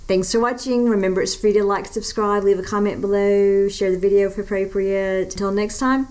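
A woman with a Deep South American accent speaks at a medium pitch. She talks straight to camera in a chatty, promotional vlog style, stressing her words with upbeat emphasis. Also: steady tone, fairly quick, darkish tone. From southern United States. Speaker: YouTube channel host. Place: small carpeted room indoors.

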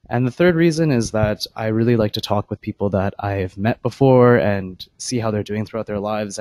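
A man's voice: fairly low pitch, darkish tone, no room sound. A man giving a short impromptu speech at a club meeting, laying out three points and stumbling with nervous laughs. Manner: structured but flustered, stumbles and laughs. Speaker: club member answering a question. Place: cafe meeting room.

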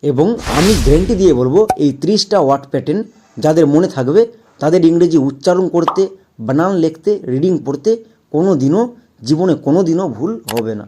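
A man's voice: on the high side, expressive, quick pace, dark tone, a little hiss or hum. A man teaching English pronunciation in a video lesson, spelling words out letter by letter and repeating key rules. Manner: methodical, spells letters out one by one; repeats key points for emphasis.

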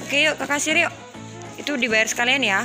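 A mother in her thirties with a high, brisk voice vlogs on a phone held at arm's length inside a big indoor store, chatting casually to viewers and coaxing her kids. Loud store music plays in the background.

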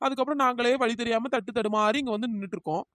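Cartoon role: woman as a quick-witted village schemer, brisk and persuasive. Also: on the high side, a bit bright, lightly acted. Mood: scheming. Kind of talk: cartoon storytelling.

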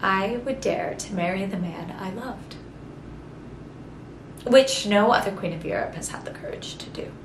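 A woman in her twenties acting a proud, bold young woman in a deliberate, challenging classical stage monologue. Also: medium pitch, close to an everyday voice. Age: 20s. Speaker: actor. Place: small plain-walled room indoors. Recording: roomy echo, clear background noise.

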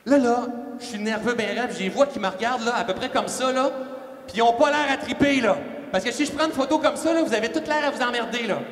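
A fast-talking, animated man with a Québécois accent, telling a self-mocking story as a motivational speaker in a large church hall. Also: very high-pitched. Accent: Québécois French. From Quebec. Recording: echoey reverberant church hall.

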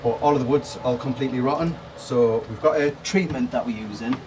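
A man renovating old windows, explaining his work to camera in a relaxed, hesitant way with lots of ums. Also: medium pitch, brisk, background noise. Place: top-floor room of a château.

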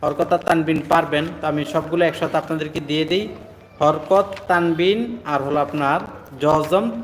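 A man leads a Quran reading lesson, his voice sitting a little high. He talks patiently and repeats each Arabic letter sound slowly for his students. Faint background noise sits under the recording. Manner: patient, repetitive, drills letter sounds aloud. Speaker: Quran teacher. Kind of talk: online Quran reading class.

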